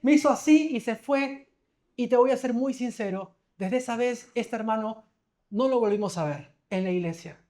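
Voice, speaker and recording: This pastor's voice is very high and darkish in tone, moving at normal speed as he preaches. His sermon feels conversational, with stories and questions directed at the congregation.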